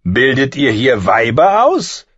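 A man voicing a huge, scarred, menacing knight who speaks slowly and threateningly. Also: mid-range voice, very animated, fairly bright tone, slightly rough, dry recording, lo-fi sound, pitched above the performer's own voice, exaggerated voice.

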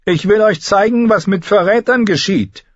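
Guy doing a high loud bratty teen king, sneery, bossy, husky dull audiobook sound. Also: normal speed, no echo. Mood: sneering, bullying. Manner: sneering, bullying, commanding. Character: cruel, petulant teenage boy king.

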